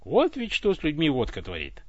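Dude voicing a blunt coarse space pilot, lively and raised, dull dry audio. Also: male voice, fairly high pitch, brisk, no room sound, voice pushed up. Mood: boastful. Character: rough-spoken space fleet pilot, coarse and boastful.

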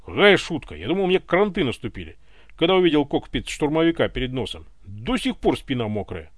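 A man voicing a stubborn, hot-tempered patrol commander in an audiobook, blunt and gruff. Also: medium pitch, big pitch swings, brisk, dry recording, studio quality.

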